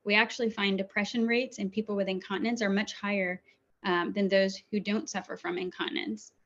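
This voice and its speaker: A woman's voice: medium pitch, level tone, a little fast, fairly bright tone. A woman urologist from New Zealand giving a conversational webinar talk with frequent ums. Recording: dull lo-fi webinar audio.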